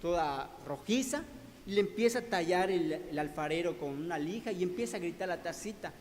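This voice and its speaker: A man's voice: sits high, lively intonation, fairly quick. A man preaching a sermon to his congregation in a church hall, calling them brothers and asking rhetorical questions. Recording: long hall reverb, faint background noise.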